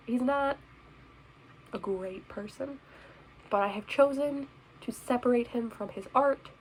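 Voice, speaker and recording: A woman's voice: fairly high pitch, a little slow, a little hiss or hum, low-quality recording. A young woman chatting casually on a vlog, bubbly and self-deprecating, recorded indoors. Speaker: vlogger. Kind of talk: casual chat reviewing movies. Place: indoors in front of a Christmas tree.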